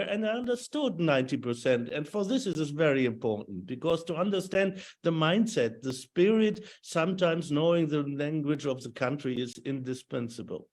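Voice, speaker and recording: This is a man speaking as a guest on a panel. His voice sits slightly high for a man. He talks haltingly and restarts words often. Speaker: cultural institute director.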